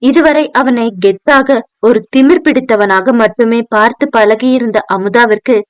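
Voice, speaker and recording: A female narrator reading an audio novel with steady, dramatic phrasing. Her voice is fairly high, smooth and resonant. It is recorded close and dry, with no room echo. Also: a little slow. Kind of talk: scripted narration.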